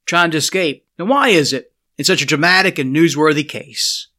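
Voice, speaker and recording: A man's voice: on the high side, normal speed, bright, forceful tone. A man delivering a scripted political commentary monologue, speaking earnestly and addressing the listener directly.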